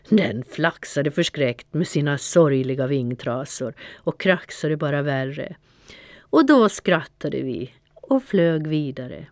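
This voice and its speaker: Low-voiced woman reading a storybook. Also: darkish tone, dry recording, clean studio sound. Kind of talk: storybook narration.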